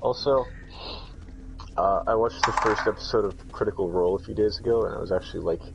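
A man's voice: fairly low pitch, fairly quick, gravelly, muffled recording, very noisy. A man chatting casually while gaming with friends, laid-back and a little hesitant. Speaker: co-player on a gaming stream.

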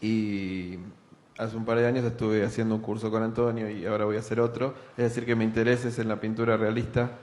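Argentine-accented man, audience question, flat delivery, echoey hall. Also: on the low side. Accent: Argentine Spanish. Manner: fills pauses with "eh", drawn-out question. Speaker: audience member asking a question. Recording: reverberant auditorium.

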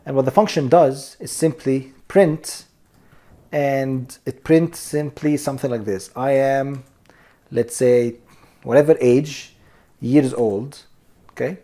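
Over a screen recording, a male programming instructor explains each step of a coding lesson slowly, his mid-range voice carrying a dark tone. He addresses viewers as "you guys" and checks in with phrases like "okay?" and "here we go."

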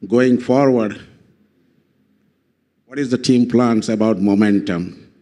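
Halting male reporter. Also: mid-range voice, warm tone. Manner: halting, slow question. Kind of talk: press conference question.

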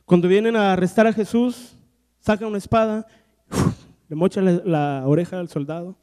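Man, pastor preaching, storytelling, acts out dialogue, high voice, long hall reverb. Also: normal speed, darkish tone, smooth. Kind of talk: sermon. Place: church hall.

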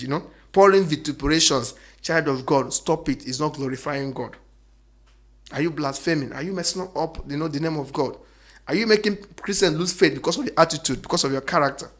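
A man preaching emphatically, repeating phrases and swinging between loud declarations and quiet asides. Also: a little high. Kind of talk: preaching monologue.

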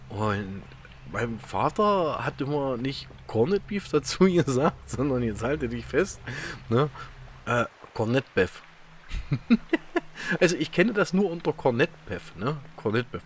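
A man's voice: medium pitch, a little hiss or hum. A man with a German accent giving casual let's-play commentary, rambling and telling stories with many fillers and laughs. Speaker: gaming YouTuber.

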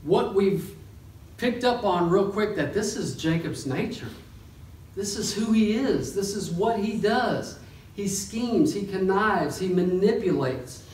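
A man's voice: sits high, animated, slow, a little mellow. A man preaching a sermon, reading scripture and retelling it in a playful storytelling way. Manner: playful storytelling, laughs at own slips. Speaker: pastor. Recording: roomy hall from far off, faint ambient noise.

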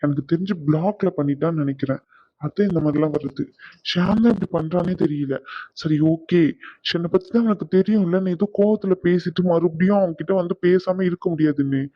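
A man's voice: a little high, fairly quick, dry recording, natural voice. A man voicing a troubled, guilt-ridden young husband in a cartoon, anxious and self-blaming. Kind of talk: cartoon voice acting. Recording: dull lo-fi recording.

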